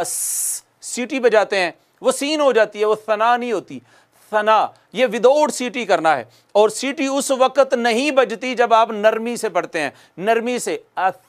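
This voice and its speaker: High-voiced man teaching recitation. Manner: drills by repeating and answering his own questions; demonstrates letter sounds slowly and repeatedly. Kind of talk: recorded video lecture.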